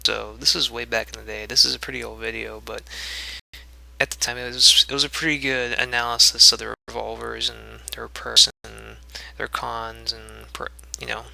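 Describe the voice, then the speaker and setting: Young guy talking over his game footage, super gravelly, bright edge, flat delivery, lots of ums, kinda out of breath. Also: medium pitch, normal speed. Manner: rambling, many ums and restarts. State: a little out of breath. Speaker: video creator giving commentary. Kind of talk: casual gameplay commentary.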